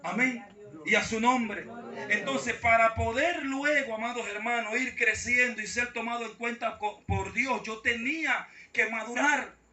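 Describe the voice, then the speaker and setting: With an extremely high, sharp voice, the pastor delivers his sermon a little slowly and in a steady tone. He keeps calling out to the congregation, and the church hall sounds echoey, as if recorded from far away.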